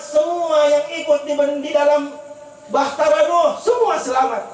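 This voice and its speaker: High-voiced preacher, echoey and distant. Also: male voice, slight background noise. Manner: emphatic, repetitive, rhetorical questions. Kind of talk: sermon. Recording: echoey, distant mic, faint ambience.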